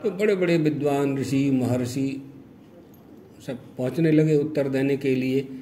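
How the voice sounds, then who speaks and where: A man's voice: mid-range voice, measured pace, dark tone, slight background noise. An older man, a religious storyteller, retelling a devotional tale with quoted dialogue and chuckling asides. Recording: echoey room with faint music.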